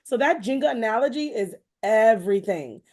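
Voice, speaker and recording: A woman with a fairly high voice hosts a podcast of faith-based motivation, speaking conversationally in an encouraging, emphatic way and circling back on phrases. She is expressive, with a darkish tone and a moderate pace.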